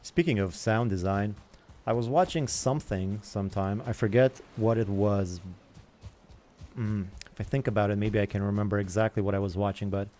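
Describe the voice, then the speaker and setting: A man's voice: on the low side, normal speed, darkish tone. A young man hosting a gaming channel, rambling in casual chatter as he plays and comments on other games.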